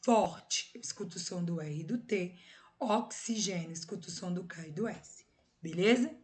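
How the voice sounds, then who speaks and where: A woman's voice: fairly low pitch, normal speed, a little mellow. Brazilian woman teaching a grammar lesson. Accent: Brazilian Portuguese. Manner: explanatory, checks in with tag questions. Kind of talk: recorded classroom lesson.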